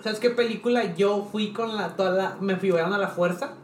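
A man's voice: sits high, brisk, slight background noise. A man with a Mexican accent in casual chat, telling a slangy story. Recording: roomy echo.

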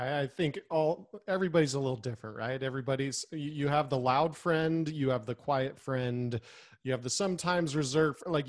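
A man in casual conversation, telling stories in an animated, restless way and acting out what people said. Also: fairly high pitch, no echo, studio quality. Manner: animated, restless storyteller who acts out quotes.

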